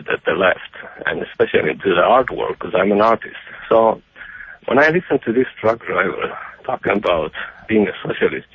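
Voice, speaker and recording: Middle-aged male caller from Romania, gravelly and husky, earnest with many restarts, over a phone line. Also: on the low side. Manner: earnest, halting with repeated restarts. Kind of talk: phone-in radio call. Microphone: telephone.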